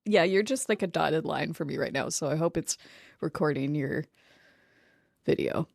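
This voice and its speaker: A woman's voice: low voice, moderate pace, creaky, a little mellow, no echo, studio quality. A woman co-hosting a casual podcast, reading tarot card meanings aloud and chatting, often laughing, over a remote call. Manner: laughs often, reads aloud then chats. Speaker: podcast co-host. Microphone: remote call recording.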